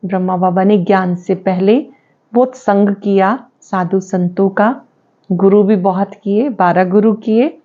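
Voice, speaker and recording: A woman at a middle pitch gives a steady devotional lesson, reading and explaining scripture. She paces her points calmly and asks rhetorical questions along the way. The recording is muffled and slightly lo-fi. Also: measured pace. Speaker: spiritual teacher reading the daily lesson.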